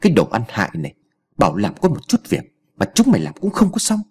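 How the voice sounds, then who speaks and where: A man voicing an angry male gang boss who runs a company, shouting and scolding his underlings in an audiobook story. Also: a little high, huge pitch swings, fast talker, creaky, husky, voice pushed up, exaggerated voice. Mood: furious scolding.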